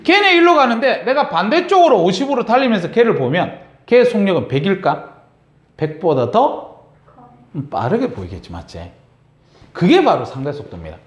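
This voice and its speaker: A man's voice: high-pitched, moderate pace, roomy sound. A man teaching a science class, lecturing and often checking in with his students. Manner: lively, asks students frequent check-in questions.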